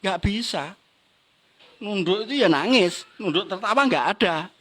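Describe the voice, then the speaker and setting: A man's voice: high voice, expressive, a little slow, bright, forceful tone. A middle-aged man gives a motivational seminar talk, teasing the audience with questions and laughing along. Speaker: business motivational trainer.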